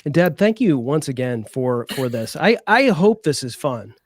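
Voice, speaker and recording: A man's voice: medium pitch, big pitch swings, normal speed, dry recording, studio quality. A man chatting casually as a guest on a live panel show. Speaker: panel guest, podcast producer.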